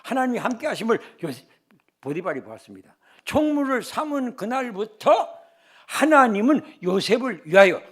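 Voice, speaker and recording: An older man from the Chungcheong region, a senior pastor, preaching a sermon in an animated way and telling humorous personal stories. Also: extremely high pitch, normal speed, husky. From Chungcheong, South Korea.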